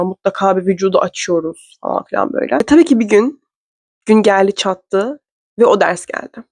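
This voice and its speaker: A young woman from Turkey telling a story to camera in a chatty, fast, self-mocking way. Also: medium pitch, darkish tone, no echo. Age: young adult. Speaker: vlogger. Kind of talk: casual storytelling vlog. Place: indoor room.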